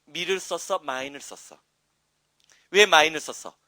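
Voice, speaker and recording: Guy teaching english grammar, rambly asides, gets loud and punchy on the rules, bright voice, very dry sound. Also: on the high side, moderate pace, no echo. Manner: rambling, chatty asides with frequent "응?" checks; loud, emphatic when explaining grammar. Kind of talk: classroom lecture.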